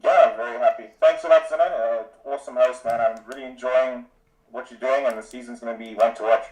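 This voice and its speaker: A man's voice: medium pitch, steady tone, fast talker, a little mellow. A man with a South African accent chatting casually and agreeably as a driver being interviewed. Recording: roomy, echoey remote voice chat.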